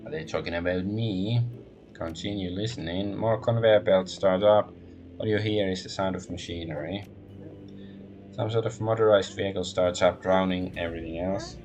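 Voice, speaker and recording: A man streaming a video game, reading its text aloud in a relaxed way and thinking aloud with small fillers. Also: deep voice, moderate pace.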